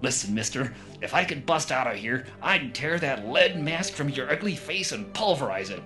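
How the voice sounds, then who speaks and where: A man's voice: mid-range voice, animated, normal speed, sharp tone, soft background music. A man playing a patriotic, defiant cartoon superhero who declaims with earnest force. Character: patriotic, defiant, square-jawed male superhero.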